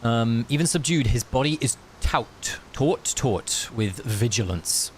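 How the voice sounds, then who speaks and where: This man is livestreaming a game, his mid-range voice animated but measured in pace. He chats casually and reads aloud in a laid-back, matey, joking way, with a faint hiss under the recording.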